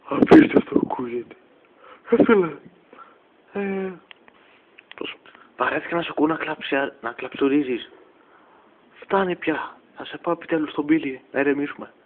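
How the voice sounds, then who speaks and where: A man's voice: on the high side, lively intonation, pauses often. Man voicing a comic parody, lo-fi. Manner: switches between put-on comic voices, teasing. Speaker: parody voice actor. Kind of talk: comic parody dub, voicing many characters. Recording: dull lo-fi home recording.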